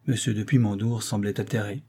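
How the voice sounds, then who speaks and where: A male narrator reads a classic novel in a steady, measured voice. His tone is husky and soft-edged, dark rather than bright. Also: fairly low pitch. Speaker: audiobook narrator.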